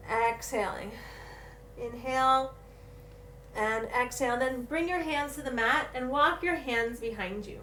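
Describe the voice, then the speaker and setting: A woman instructor calling out yoga cues while moving along with the class, a little out of breath at times. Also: on the high side. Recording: roomy echo, faint ambient noise.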